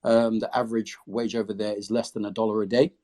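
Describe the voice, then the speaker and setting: Low-pitched, even-toned man explaining his project. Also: fast talker. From came to the UK as a child refugee. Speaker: project founder being interviewed. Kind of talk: casual explanatory interview talk.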